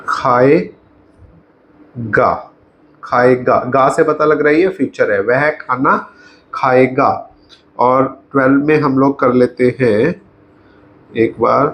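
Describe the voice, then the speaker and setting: A man teaching grammar, slowly and repetitively drilling example sentences. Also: mid-range voice, a little hiss or hum. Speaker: English teacher. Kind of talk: explaining grammar on a whiteboard.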